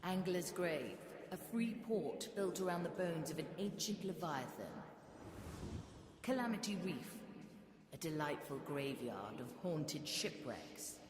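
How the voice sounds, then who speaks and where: An actress playing a solemn ghostly woman, the spirit of a pirate ship in a video game, narrating in a measured, mysterious manner. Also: low voice, animated, crowd noise. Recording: echoing, reverberant, under loud music.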